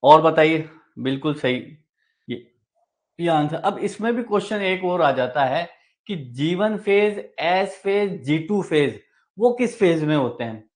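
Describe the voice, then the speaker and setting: A man's voice: fairly high pitch, animated, slow. A male teacher running a live online exam-prep class, explaining step by step, repeating key terms and answering his own questions. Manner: mixes English technical terms into Hindi speech. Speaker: medical exam coaching teacher.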